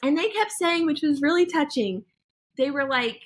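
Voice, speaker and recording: A woman's voice: high voice, expressive, normal speed. A young woman chatting casually as a podcast guest, in a bubbly, gushing, girly sorority-girl manner. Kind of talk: casual chat.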